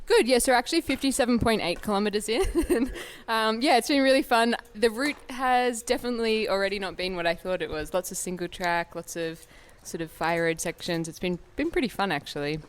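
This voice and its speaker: A woman's voice: mid-range voice, fairly quick. A woman in her twenties from Canberra with an Australian accent, chatting casually and laughing often about a bike trip. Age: 20s. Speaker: bikepacking rider. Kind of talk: casual chat.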